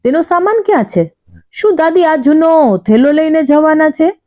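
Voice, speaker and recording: A woman's voice: high-pitched, expressive, normal speed, dark tone, voice pushed up. A woman voicing an innocent young boy. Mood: curious. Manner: innocent, earnest.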